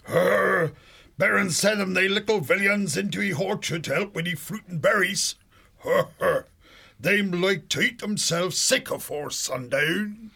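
A man voicing a humble old male mole foreman in an audiobook, speaking a slow rustic dialect with a gravelly, breathy voice. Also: high-pitched, bright, forceful tone, pitched above the performer's own voice, full character voice.

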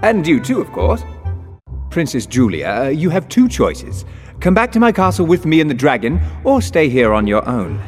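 A man's voice: a little high, wildly swooping pitch, moderate pace, soft background music. A man playing a young, sardonic, reluctant prince in an audio drama, with a wry, understated manner. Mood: dry, resigned.

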